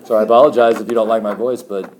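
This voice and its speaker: A man's voice: lowish voice, fairly even intonation, very fast, darkish tone, slight background noise. A man teaching a math class, explaining steps in a chatty way and joking with students. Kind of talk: classroom lecture.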